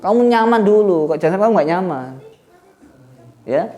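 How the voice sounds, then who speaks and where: Middle-aged East Javanese man, animated preacher teaching students, slightly high-pitched, joking and lively. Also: moderate pace, highs cut off. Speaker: pesantren head teacher. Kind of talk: religious lecture to students.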